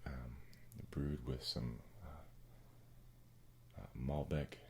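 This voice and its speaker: Very deep, creaky soft-spoken ASMR man. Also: steady tone, slight background noise. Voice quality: hushed, gravelly low voice. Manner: laid-back, halting, slangy and profane. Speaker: ASMR video creator and host. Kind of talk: soft-spoken ASMR, casual rambling chat.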